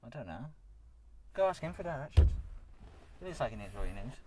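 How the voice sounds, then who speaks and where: A man's voice: mid-range voice, big pitch swings, fairly quick, noisy background. A man driving a car during a film shoot, teasing his co-star and laughing between takes. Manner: laughing, teasing, breaking character. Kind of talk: outtakes from an amateur film shoot.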